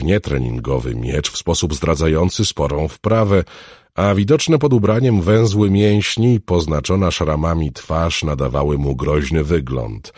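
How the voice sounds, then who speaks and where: Very deep husky male narrator. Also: no echo, studio quality. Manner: expressive storytelling. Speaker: audiobook narrator. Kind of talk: scripted fantasy narration.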